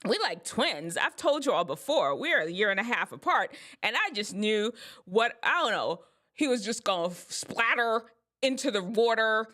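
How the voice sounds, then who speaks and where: Animated woman telling a story. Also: a little high, moderate pace. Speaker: host giving advice to teens. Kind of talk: casual storytelling and advice.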